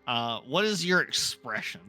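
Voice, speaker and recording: Slow, bright-voiced game master. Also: mid-range voice, very animated, soft background music. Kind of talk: improvised tabletop game narration.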